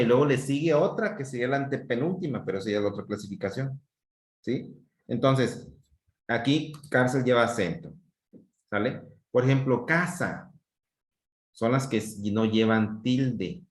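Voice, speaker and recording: A man with a Mexican accent teaching a Spanish grammar class, explaining patiently and checking often that students follow. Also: mid-range voice. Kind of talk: online class lesson. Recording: echoey room.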